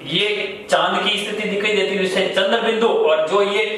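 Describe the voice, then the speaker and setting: A man's voice: high-pitched, normal speed, pushed and bright. A man teaching a grammar class, who asks questions and answers them himself, repeating key terms. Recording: very echoey room, far from mic, faint noise.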